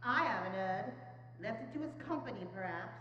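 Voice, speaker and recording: Self-interested laundress gossip female actor, animated stage delivery; muffled hall recording. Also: medium pitch, a little fast, heavy background noise, natural voice. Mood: nosy, casual. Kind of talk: amateur dramatic reading on stage. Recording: muffled echoey church hall.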